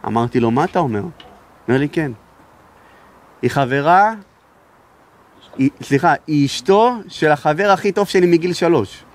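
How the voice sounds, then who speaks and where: High-voiced emphatic Israeli rabbi. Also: male voice, pauses often. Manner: raises his voice to be heard, emphatic. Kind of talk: sermon with storytelling.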